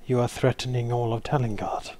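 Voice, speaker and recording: A proud, ancient necromancer, played by a man at a gaming table. He declaims in stately, formal phrases at a medium male pitch. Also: monotone, fairly quick, darkish tone, dry recording, close to an everyday voice. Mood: haughty, measured.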